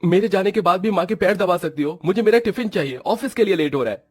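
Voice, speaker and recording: A man's voice: fairly high pitch, lively intonation, fairly quick, darkish tone, dry recording, clean studio sound, soft background music. A man playing an impatient, demanding young husband who complains to his wife in a storybook drama.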